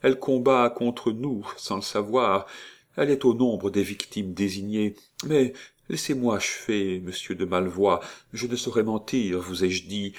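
A man's voice: fairly low pitch, unhurried. A man voicing a veiled, desperate young noblewoman. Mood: pleading.

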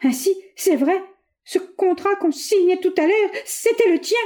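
A woman voicing a melodramatic jilted young woman, speaking high, plaintive and choked with emotion. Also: measured pace, warm tone. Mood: tragic. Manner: plaintive, choked theatrical delivery.

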